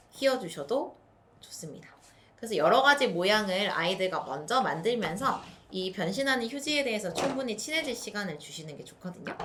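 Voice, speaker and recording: A young woman teaching parents play activities for small children, switching into a bright sing-song voice when acting out what to say to a child. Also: mid-range voice, a little hiss or hum. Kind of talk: instructional video for parents.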